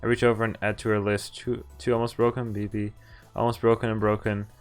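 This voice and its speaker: With game music in the background, a man reads a visual novel aloud on stream, adding relaxed, amused comments. He talks fast in a smooth, lowish voice with a level tone.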